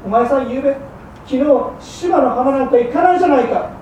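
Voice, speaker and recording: A woman's voice: high voice, darkish tone, natural voice. A woman playing a patient, shrewd fishmonger's wife who coaxes and scolds in old Edo speech. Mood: reproachful. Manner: coaxing, reproachful, brisk. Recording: roomy hall from far off, faint hum.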